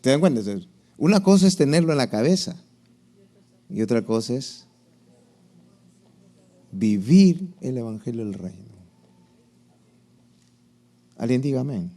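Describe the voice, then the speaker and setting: Male preacher, lively sermon delivery, quizzes the congregation. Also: mid-range voice, measured pace, pauses often. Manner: asks the congregation questions, acts out quotes. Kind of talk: sermon lesson.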